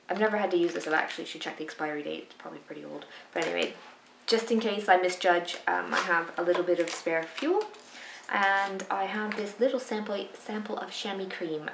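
A woman in her thirties talks casually to camera, pitched a little low, chatty and full of asides. She sits in a bright home room that rings with echo. A steady hiss of noise sits under the voice. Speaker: cycling vlogger. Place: sunny home room with shuttered window. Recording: echoey room with audible noise.

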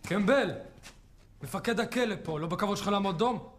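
An actor playing a gruff male prison guard who snaps sharp reprimands at a prisoner. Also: sits high, close to an everyday voice. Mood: reprimanding.

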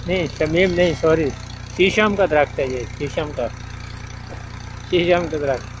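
Young man vlogging in the fields. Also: fairly high pitch. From Pakistan. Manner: chatty, pointing things out while walking. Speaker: village vlogger. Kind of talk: casual walking vlog narration. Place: outdoors in farm fields. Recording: noisy outdoor phone recording.

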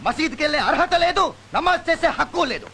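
Furious, shrill, gravelly man. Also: animated, fast, pushed and bright, heavily acted. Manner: harsh, ranting, commanding. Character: furious, domineering bearded man casting someone out. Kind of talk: melodramatic film acting. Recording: film scene with music behind.

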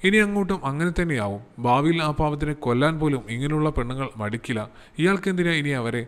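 A man's voice: fairly high pitch, animated, fast talker, clean tone, in a large hall, close to an everyday voice. A man voicing a bitter male cyber cell officer who speaks harshly and with contempt.

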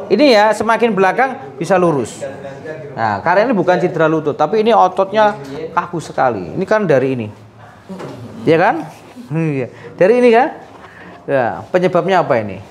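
A man's voice: high voice, sing-song, moderate pace. A man, a sports massage therapist who chats and coaxes his patient through a treatment, often laughing. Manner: chatty, coaxing, often laughing.

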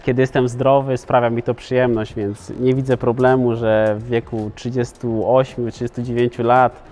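A man's voice: mid-range voice, flat delivery, normal speed, darkish tone. A man in his thirties, a footballer, answering interview questions casually, with many filler sounds and restarts. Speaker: professional footballer, guest.

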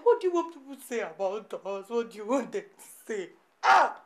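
A woman's voice: a little high, big pitch swings, a little fast, slight background noise. An actress playing a pregnant young woman pleading with her lover, tearful.

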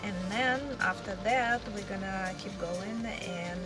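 Young woman, casual travel vlog, inside a car, camera at arm's length, loud music over her. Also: medium pitch, slow pace. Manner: relaxed, chatty, filler-heavy. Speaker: vlogger. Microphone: handheld camera at arm's length. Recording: music playing loudly over the voice.

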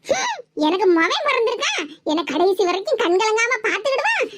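A nagging cartoon mother with a Tirunelveli Tamil accent, her voice pushed extremely high and squeaky. She rattles off complaints in a sharp-tongued way. A loud hiss sits under the recording. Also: big pitch swings. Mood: scolding. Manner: nagging, scolding, rapid complaints. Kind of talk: animated comedy sketch voice acting.

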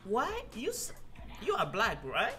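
A man's voice: sits high, wildly swooping pitch, measured pace, pushed and bright. A man hosting a trolling video chat, teasing and flirting in a playful put-on persona, talking through a gaming headset in a small bedroom. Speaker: prank video chat host.

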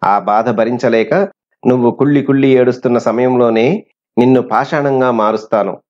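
A man's voice: medium pitch, fairly even intonation, moderate pace, darkish tone, lightly acted. A man voicing a cruel, boastful male sorcerer with a threatening, gloating manner, on a dull lo-fi recording. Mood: menacing.

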